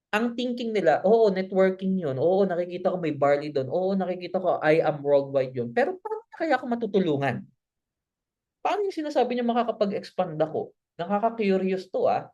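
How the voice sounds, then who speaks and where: A business mentor giving a recorded sales-training lesson, coaching viewers casually, mixing in English phrases and correcting slips as they go. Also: darkish tone. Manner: coaching, talks straight to viewers, acts out sample pitches.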